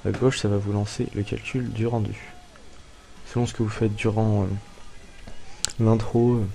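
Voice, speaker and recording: A man giving a casual software tutorial, thinking aloud as he works and talking straight to viewers. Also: fairly low pitch, vocal fry, low-quality recording. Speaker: tutorial maker.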